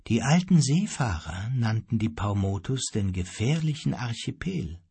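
A man voicing a calm, gentle old sea pilot who speaks softly and unhurriedly, in a husky voice. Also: medium pitch, full character voice. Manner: soft-spoken, quiet and unhurried.

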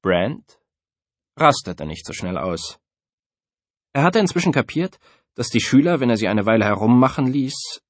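A man's voice: fairly low pitch, no echo. Man narrating a storybook, dry and close. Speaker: audiobook narrator. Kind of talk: first-person audiobook narration.

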